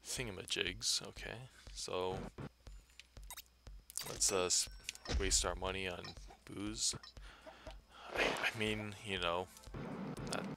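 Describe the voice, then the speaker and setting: Tired, gravelly-voiced man rambling over gameplay. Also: deep voice, slow, long pauses, noisy background. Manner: tired, monotone, rambling with many fillers. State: tired after a day's work. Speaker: gameplay commentator. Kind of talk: casual gameplay commentary.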